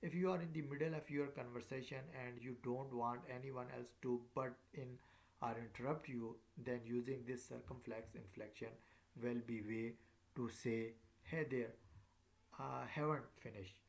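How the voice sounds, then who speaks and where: A man delivers a recorded lecture on speech tones at a middling pitch. His voice has a gravelly edge, and he talks haltingly, filling gaps with "uh" and circling back over his words. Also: little pitch movement, darkish tone. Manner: halting, many fillers, repeats himself. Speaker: English teacher.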